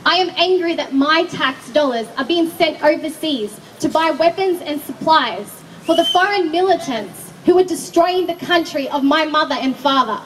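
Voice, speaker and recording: A woman's voice: sits high, animated, moderate pace. A woman from Australia delivering an earnest, declamatory prepared speech at an outdoor street rally. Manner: earnest, declamatory, rising to shouts. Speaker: rally speaker. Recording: distant mic, faint noise at an outdoor rally. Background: crowd and street ambience.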